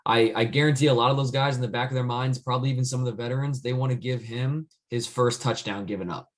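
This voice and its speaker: A man in casual sports chat on a podcast, circling his point with frequent "I mean"s and false starts. His pitch sits in an ordinary middle range for a man. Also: fairly even intonation, fast. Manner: rambling, many restarts and "I mean". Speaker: podcast co-host.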